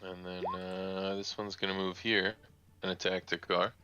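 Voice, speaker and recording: A man's voice: deep voice, completely flat delivery, a little slow, sharp tone, smooth, lo-fi sound. A man running a tabletop game over a voice call as dungeon master, narrating enemy turns methodically.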